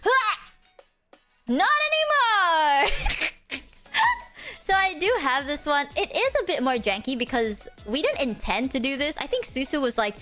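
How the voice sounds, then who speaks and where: A woman's voice: high voice, big pitch swings, fairly quick, few pauses, fairly bright tone, soft background music. A woman hosting a casual live stream, chatting to viewers in a cute, playful, teasing anime-streamer manner. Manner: giggly, teasing, exclamatory. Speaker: streamer host.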